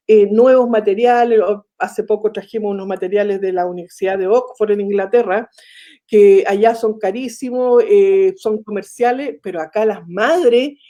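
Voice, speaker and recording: A middle-aged Chilean woman, a foundation founder and mother, telling her story in an interview and acting out the dialogue she quotes. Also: mid-range voice. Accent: Chilean Spanish. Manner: animated, acts out quoted dialogue.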